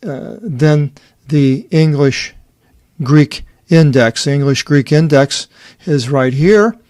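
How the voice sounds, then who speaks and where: Halting man walking through a book. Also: on the high side, a little mellow, no room sound, clean studio sound. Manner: halting, many fillers and restarts. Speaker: Bible translator presenting his edition. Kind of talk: unscripted screen walkthrough.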